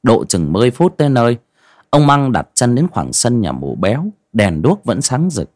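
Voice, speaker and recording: A man narrating a horror story in an expressive, dramatic way. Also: medium pitch, moderate pace, dry recording, studio quality.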